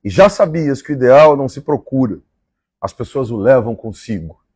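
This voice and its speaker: A man from Minas Gerais with a Mineiro Brazilian accent, reading a novel aloud on a live stream and pausing for chatty asides. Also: mid-range voice, expressive, a little mellow, breathy edge, no echo, clean studio sound. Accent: Mineiro Brazilian Portuguese. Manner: measured, repeats favorite lines and chats between passages.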